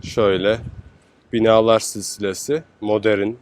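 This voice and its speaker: A man's voice: fairly low pitch, little pitch movement, a little slow, a little mellow, low-quality recording. A man making a casual walking travel vlog outdoors in a windy seaside city, chatty and slangy, exclaiming at the sights. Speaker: travel vlogger.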